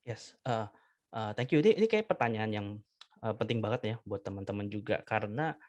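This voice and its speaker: A man in his thirties, a lecturer and doctoral student, explaining ideas in a measured, lecturing way with many fillers. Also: on the low side, lively intonation, dry recording, highs cut off. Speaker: guest, communication lecturer and PhD candidate. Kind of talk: explanatory interview talk.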